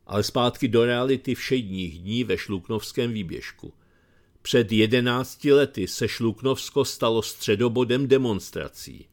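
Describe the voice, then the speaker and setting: Czech guy in his middle years reading his commentary out loud, dry sarcastic delivery, plain mid voice. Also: medium pitch. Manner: sardonic, dry storytelling. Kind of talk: read-aloud commentary.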